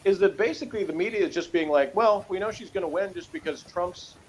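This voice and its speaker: A fast-talking man from Texas, his voice sitting high, co-hosts a podcast about a TV episode. Casual and unscripted, he rambles, corrects himself, and keeps a dry, joking manner, all on a very noisy recording.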